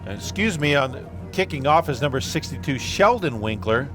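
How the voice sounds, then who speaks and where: A man doing play-by-play commentary on a local football game, calling plays briskly with relaxed asides. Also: medium pitch, music in the background. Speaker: play-by-play announcer.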